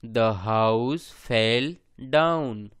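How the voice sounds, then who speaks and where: A man reading aloud for beginning readers, deliberately and word by word, with long pauses between phrases. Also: medium pitch, fairly bright tone, clean tone, dry recording, studio quality.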